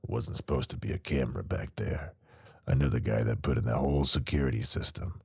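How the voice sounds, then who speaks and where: A man's voice: extremely low pitch, fairly quick, vocal fry, darkish tone, breathy edge, no room sound, clean studio sound, voice pushed down, full character voice. A man voicing a crude, menacing male small-time criminal in an audiobook, swearing and sneering. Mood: grumbling. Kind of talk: audiobook character voice.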